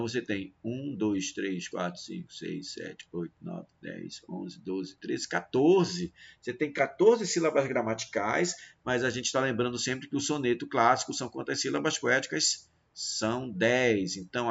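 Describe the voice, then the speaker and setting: A man gives a literature review lesson with a gravelly, creaky voice. He speaks directly to his students and slows down to count syllables one by one. The recording is dull and lo-fi. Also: medium pitch, a bit bright. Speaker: teacher. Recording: dull lo-fi audio.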